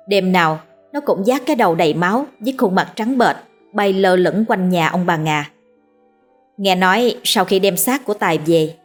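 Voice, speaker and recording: Low-voiced woman narrating a ghost story. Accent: Southern Vietnamese. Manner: steady storytelling.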